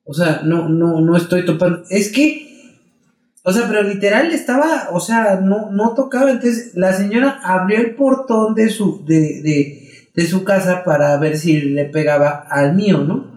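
A young man with a Mexican Spanish accent telling a story in casual chat, animated and slangy, with many fillers and restarts. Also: sits high, unhurried. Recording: roomy echo.

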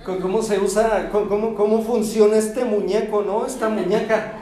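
High-voiced man speaking in a hall. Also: fairly even intonation, normal speed, mellow. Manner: playful, acts out little scenes, asks the audience questions. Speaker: speaker giving a talk on forgiveness. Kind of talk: lively conference talk. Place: large hall before an audience. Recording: echoey hall, voice from far off.

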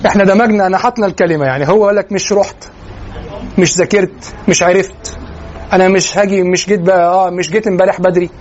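A man's voice: high voice, fairly even intonation, quick pace. A man with an Egyptian accent giving a classroom lecture, moving between colloquial and formal Arabic and checking in with his students as he explains. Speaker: lecturer in Quranic sciences. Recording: dull lo-fi room recording with faint noise.

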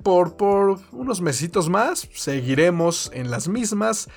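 Mexican podcast guy, bro-style slangy swearing, kinda high voice, music behind him. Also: animated, slow, breathy edge. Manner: laid-back bro talk with frequent slang and swearing. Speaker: podcast co-host. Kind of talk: casual podcast chat.

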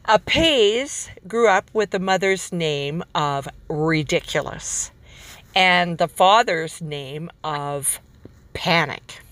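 Lowish-voiced woman hosting a podcast. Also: expressive, slow, fairly bright tone, no room sound. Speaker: podcast host.

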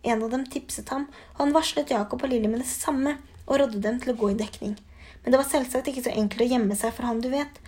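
Woman as a brusque pompous male official, grave low murmur, fairly high voice, storybook. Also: darkish tone, slightly rough.

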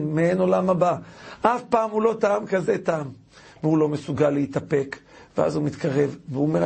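Rabbi giving a sermon; gravelly, very husky, slightly high voice; dramatic storyteller. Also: male voice, a little mellow. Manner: dramatic storyteller, rising pitch on key words.

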